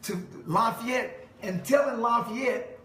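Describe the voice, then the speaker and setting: A man's voice: very high-pitched, takes it slowly, fairly bright tone. A man delivering an emphatic preaching monologue to a listener, quoting scripture and laughing mockingly. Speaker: self-styled preacher. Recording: echoey room with faint noise.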